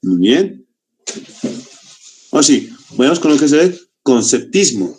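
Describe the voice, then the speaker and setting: A man from Bolivia teaches a literature class in a relaxed, mellow voice at a middling pitch. He explains patiently, stretching out key words and checking in with a quick "¿no?" after almost every point. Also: slight background noise. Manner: explains with rhetorical questions and frequent "¿no?". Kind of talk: literature lesson for exam applicants.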